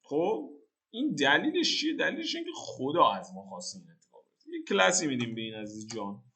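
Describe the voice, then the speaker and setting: A man's voice: fairly high pitch, wildly swooping pitch, bright, forceful tone. A young man from Iran giving a casual, joking coding tutorial over a screen recording and thinking aloud in slang. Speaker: programming tutor.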